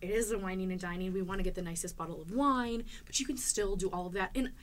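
A young woman hosts in a relaxed, chatty way, backing her guest with quick affirmations. Her pitch sits in the middle, and faint noise hums underneath. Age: 20s. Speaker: podcast host. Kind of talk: casual chat.

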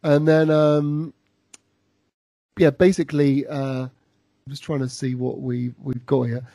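A man's voice: mid-range voice, flat delivery, measured pace, gravelly, mellow, no room sound. A man chatting casually as a podcast co-host, recapping an episode with a rambling, laughing delivery. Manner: rambling, many restarts and laughs. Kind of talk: casual chat.

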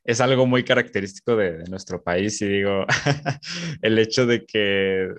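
A man with a Mexican accent, interviewing a guest in relaxed conversation and laughing along. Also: on the low side, unhurried, no room sound. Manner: relaxed, laughs along, asks open questions.

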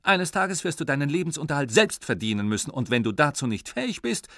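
A man's voice: on the high side, big pitch swings, quick pace, fairly bright tone, no echo, clean studio sound, pitched above the performer's own voice. A man voicing a stern, irritable father who scolds impatiently. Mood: scolding.

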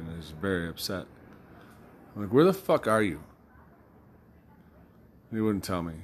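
A man's voice: low voice, breathy edge. A man talking casually in a loose, rambling monologue, cursing and chuckling as he recounts things. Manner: loose storytelling with swearing and laughs.

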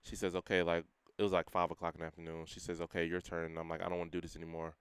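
A young man with a very deep, very clear voice tells a personal testimony in a casual interview. He talks earnestly, in everyday slang, and drops his voice when he quotes himself. The sound is dry and close. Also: monotone, racing, no echo. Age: young adult. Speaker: guest sharing his testimony.

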